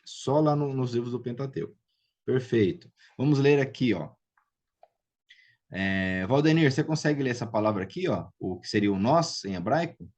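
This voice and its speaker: Husky-voiced Brazilian man teaching Hebrew. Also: mid-range voice, expressive, normal speed, darkish tone. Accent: Brazilian Portuguese. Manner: patient, checks in with "né?" and "ok?". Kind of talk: live online class, explaining and drilling pronunciation.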